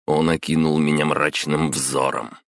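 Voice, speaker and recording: A man narrating a first-person audiobook with steady, dramatic storytelling. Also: extremely low pitch, measured pace, gravelly, no room sound, studio quality.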